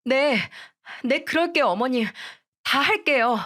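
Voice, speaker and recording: Desperate young wife begging, voice pushed up high and whiny, a woman putting it on. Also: unhurried, a bit bright. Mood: eager. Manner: begging, tearful pleading. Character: pleading young daughter-in-law, desperate.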